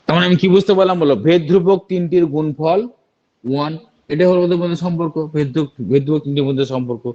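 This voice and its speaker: Male math tutor, quick exam-prep delivery, quizzing rhetorical style, dull lo-fi sound. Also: on the high side, darkish tone. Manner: repeats steps and keeps warning students about careless slips; quizzes students with rhetorical questions. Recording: dull lo-fi recording.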